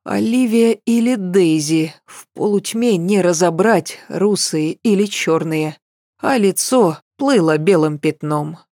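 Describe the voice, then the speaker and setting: A woman narrating a first-person novel in an unhurried, even storytelling manner. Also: on the low side, dry recording, clean studio sound. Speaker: audiobook narrator.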